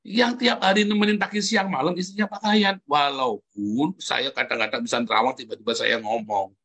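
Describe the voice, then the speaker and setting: A man preaching a lively sermon, talking straight to his congregation and leaping up in pitch to stress his points. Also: moderate pace, slightly rough. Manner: animated, jumps high in pitch for emphasis, keeps calling out "saudara". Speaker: pastor.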